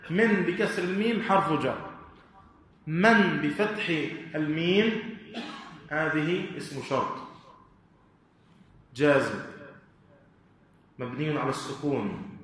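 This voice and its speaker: A man teaching Arabic grammar to a class, speaking slowly and deliberately and putting questions to his students. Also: a little high, a bit bright. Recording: echoey hall with faint room noise.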